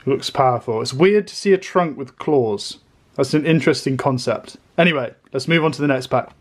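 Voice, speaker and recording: A man with a mid-pitched voice presents a collectibles review as host. His delivery is expressive and eloquent, slipping into casual slang, somewhere between scripted narration and relaxed commentary. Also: fairly quick. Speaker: trading card reviewer and host.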